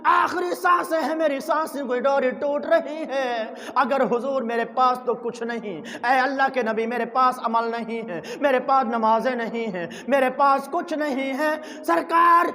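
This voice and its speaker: A man preaching a sermon with passion, his voice climbing into shouts and chanted lines. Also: very high-pitched, steady tone, hardly any pauses. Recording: long hall reverb.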